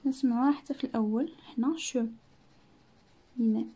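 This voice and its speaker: Woman, Moroccan accent, teacher, warm mellow tone, slightly husky, patient, spells out syllables. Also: a little high, steady tone. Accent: Moroccan Arabic. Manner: patient, repeats words, sounds out French syllables slowly. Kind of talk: classroom-style lesson narration.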